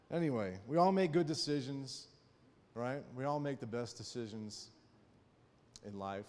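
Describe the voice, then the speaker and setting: Storytelling pastor in a reverberant hall. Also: male voice, medium pitch, a little slow, pauses often. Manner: folksy storytelling, frequent "right?" asides. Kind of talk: sermon.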